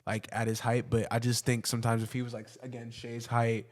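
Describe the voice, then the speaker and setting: A man chats casually about sports as a podcast host. His delivery is conversational and full of slang, with a medium-pitched voice. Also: monotone, a little fast.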